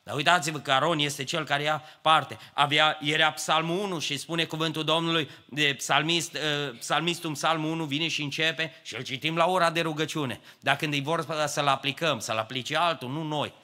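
A male pastor preaching a sermon in a church, swinging between quiet asides and raised preaching. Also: a little high, fairly even intonation, hardly any pauses. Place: church hall.

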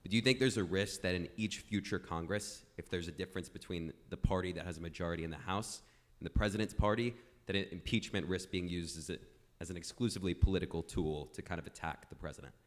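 Fast-talking young man at an audience mic. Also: low-pitched. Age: 20s. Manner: brisk, articulate questioning. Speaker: student asking a question. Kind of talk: audience question. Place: lecture hall floor. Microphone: standing mic.

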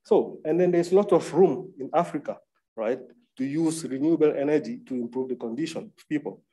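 A man's voice: on the high side, brisk, dark tone, breathy edge, low-quality recording. A man from Cameroon moderating an academic panel and presenting slides in a conversational way, often adding tag questions, over a video call.

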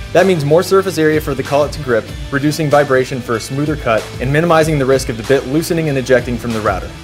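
Fast-talking male ad presenter. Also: mid-range voice. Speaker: product presenter. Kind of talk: scripted ad narration. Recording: background music.

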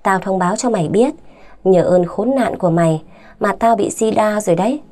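A woman's voice: mid-range voice, fairly quick, darkish tone, natural voice. A woman narrator voicing a bitter young wife who answers back with raised, indignant lines. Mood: angry hurt. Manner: indignant, rising and heated.

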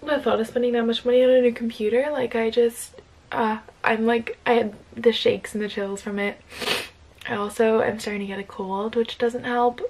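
Subdued young woman vlogging, soft and quiet. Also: flat delivery, moderate pace, rough recording. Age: 20s. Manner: soft, low-key and subdued, often near a whisper. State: stressed and anxious. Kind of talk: casual vlog talk to camera.

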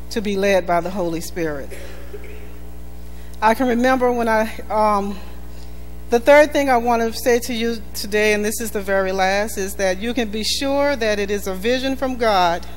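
A woman's voice: medium pitch, slight background noise. A woman pastor delivering a sermon in an earnest, emphatic preaching style, repeating key phrases for weight. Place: church sanctuary. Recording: reverberant church hall with faint music.

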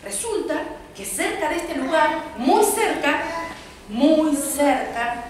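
A woman's voice: very high voice, a little slow, recorded from a distance. A woman with a Rioplatense Spanish accent, telling a story to children at a library and asking them questions as she goes. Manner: expressive, asks the children questions, puts on squeals for characters. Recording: echoey room recorded from afar, noisy.

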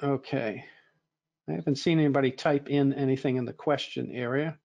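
A man hosts an online training webinar in a loose, chatty style, full of fillers and restarts. His voice is medium-pitched and a bit hoarse, moving at a normal speed. The audio is dull but free of echo.

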